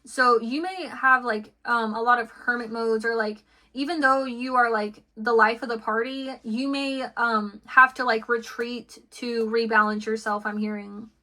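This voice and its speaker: A woman's voice: on the high side, fairly even intonation, a little slow, few pauses, pushed and bright. A woman giving an intuitive tarot reading to her viewers, chatty and full of "okay" and "like" fillers. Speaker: tarot card reader.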